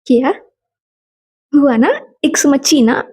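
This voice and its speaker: A young woman telling a personal story in a lively casual vlog, mixing Hindi and English. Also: high voice, slow. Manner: animated, mixes Hindi and English, quotes people in dialogue.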